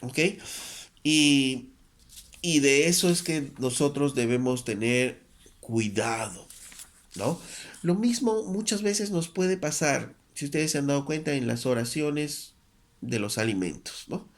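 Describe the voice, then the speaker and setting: A man preaching a Sunday sermon as pastor, reading scripture aloud and mimicking rushed, repetitive prayers to make his point. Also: mid-range voice, expressive.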